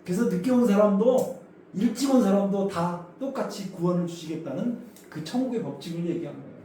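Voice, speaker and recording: A man's voice: high voice, fairly quick. A male pastor preaching a sermon, telling the story vividly, acting out voices and asking the congregation questions. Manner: animated storytelling, acts out voices. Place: church sanctuary. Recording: echoey church hall from far off, faint noise.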